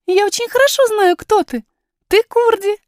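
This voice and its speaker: A woman voicing a young princess girl who speaks in a high, insistent, eager way. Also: normal speed, dry recording, clean studio sound. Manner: bright, insistent, high-pitched.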